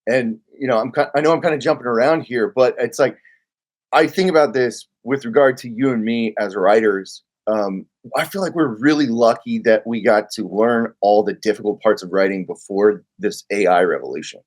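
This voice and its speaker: Speaking at normal speed with a medium-pitched voice, a middle-aged guest writer from Oklahoma, United States, rambles through a casual conversation. He keeps correcting himself and says "like" constantly.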